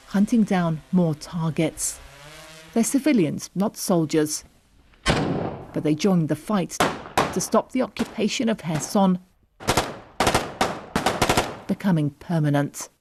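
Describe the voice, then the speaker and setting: A woman's voice: on the low side, noisy background. A woman narrating a scripted news report as a correspondent.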